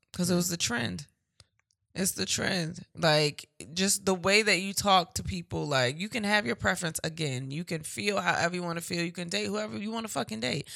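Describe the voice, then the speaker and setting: A woman co-hosting a podcast in casual chat, blunt and profane, swinging from low mutters to loud bursts. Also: gravelly, no room sound, clean studio sound. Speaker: podcast co-host.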